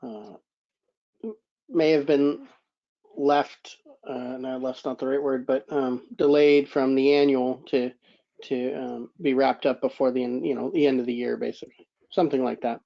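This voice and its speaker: A man's voice: medium pitch, fairly even intonation, moderate pace, gravelly, dull audio. A man serving as a board member at a town meeting, thinking aloud and searching for the right words, with lots of fillers. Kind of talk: public meeting discussion.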